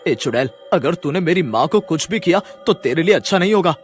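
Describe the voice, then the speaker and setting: A man's voice: a little high, very animated, moderate pace, soft background music. A man voicing a worried, protective young husband in a kids' storybook, earnest and questioning. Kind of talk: storybook voice acting.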